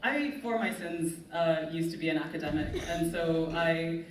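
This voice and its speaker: A woman's voice: lowish voice, normal speed, distant mic, slight background noise. A woman author on a live panel, articulate and lecturing, with a self-mocking edge. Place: festival stage in a large hall. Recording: echoey hall, voice from afar.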